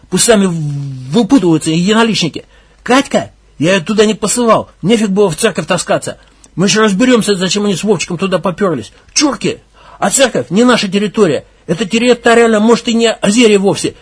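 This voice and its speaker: A man voicing a hot-tempered young village gang leader who barks, mocks and shouts. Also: high voice, a little fast, few pauses, slightly rough. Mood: furious. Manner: angry, mocking, shouting, coarse.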